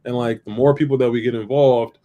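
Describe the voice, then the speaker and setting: A podcast co-host with a steady, dark, mid-range voice talks loosely and a little fast through his ideas in casual chat, repeating himself and checking in with "right?". The audio sounds dull.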